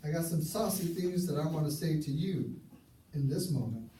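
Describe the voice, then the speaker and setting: A man's voice: on the high side, normal speed, warm tone, a little hiss or hum, close to an everyday voice. A male pastor voicing a hot-headed man eager for an argument, in a taunting, provocative way. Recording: echoey church recording from far off.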